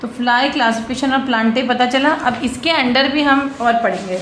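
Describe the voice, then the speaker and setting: A woman's voice: high voice, moderate pace, a bit bright. A young adult woman teaches a biology lesson, mixing in English terms, explaining step by step and often checking that students follow. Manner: has students repeat terms after her. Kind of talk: bilingual classroom lecture. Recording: echoey room with faint background noise.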